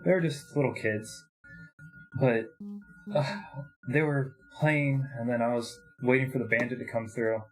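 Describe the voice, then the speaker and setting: A man voicing a grieving male rat-folk skeleton ranger who speaks in a shaky, tearful, halting way. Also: mid-range voice, faint music behind, natural voice, poor audio. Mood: shaky grief.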